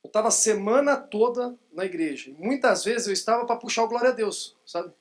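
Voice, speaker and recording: A man pastoring a church, speaking slowly and reflectively about his past congregation. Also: sits high, animated. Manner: slow, reflective, recounting church routine. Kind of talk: sermon.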